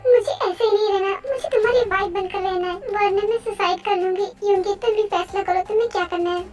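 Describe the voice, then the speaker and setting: Brief: very high, pleading, tearful lovesick young wife as voiced by a young woman in a fan dub, faint music underneath. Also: steady tone, fast talker, a little mellow. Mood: demanding. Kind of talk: Hindi fan dub role-play.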